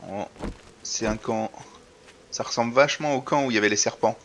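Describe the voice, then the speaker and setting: A man's voice: mid-range voice, a little fast, background noise. A man casually commenting while playing a survival game, muttering and talking to viewers. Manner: chatty, mutters to himself, addresses viewers. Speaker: let's play host.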